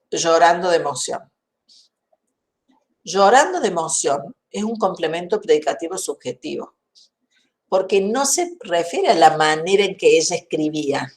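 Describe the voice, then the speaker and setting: A woman's voice: on the low side, a little mellow. A woman teaching a university grammar class online. She explains methodically, works through examples and checks that students understand. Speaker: grammar lecturer. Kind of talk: university lecture.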